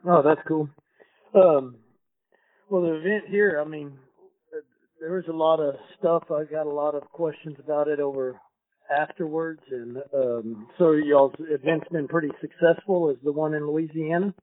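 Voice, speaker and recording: A man hosts a casual podcast chat, speaking loudly and filling gaps with "um" and "uh." His voice comes through a worn, muffled recording from a faulty device, thin like a phone line and completely dry. He sits a bit above the usual male pitch. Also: steady tone, moderate pace, dry recording. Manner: loud, chatty, lots of "um" and "uh". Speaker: podcast host.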